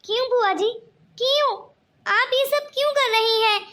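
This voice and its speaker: An earnest young bride-to-be in a cartoon, polite but determined. Her voice is very high and bright, with a pleading, sincere tone. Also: a little slow, exaggerated voice. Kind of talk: cartoon voice acting.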